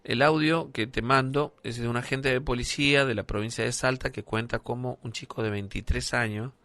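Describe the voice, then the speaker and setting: A man with an Argentine accent hosting a radio show, chatting in a relaxed way and reading out listener messages. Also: medium pitch, normal speed, dry recording. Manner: relaxed, conversational, with fillers. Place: radio studio.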